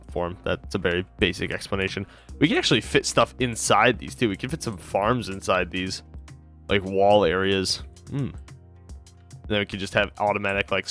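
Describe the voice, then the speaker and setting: A man's voice: fairly low pitch, smooth. A sick, tired man rambling through casual gameplay commentary as he builds, slurring some words. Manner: rambling, self-correcting, relaxed. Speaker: Minecraft series host.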